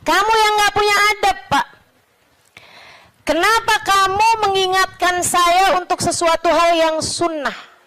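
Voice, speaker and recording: A woman's voice: high-pitched, expressive, moderate pace, a little hiss or hum, poor audio. Woman doing a defiant sheikh firing back. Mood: defiant retort. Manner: defiant, lecturing. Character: unashamed old sheikh firmly rebuking back.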